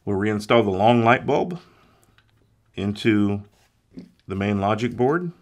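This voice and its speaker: A man methodically walks through an electronics repair step by step, giving plain instructional delivery as a repair instructor. His voice is lowish and slow, yet his intonation is lively.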